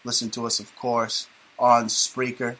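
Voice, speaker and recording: A male radio host who rambles through the show with sardonic jokes. His voice sits at an average pitch with a bright, forward tone. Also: completely flat delivery, unhurried, low-quality recording. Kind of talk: casual talk radio banter.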